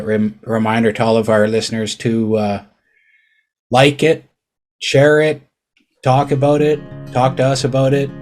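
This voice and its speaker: A man's voice: on the low side, darkish tone. A man hosting a podcast in casual chat, joking and laughing easily. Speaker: podcast host.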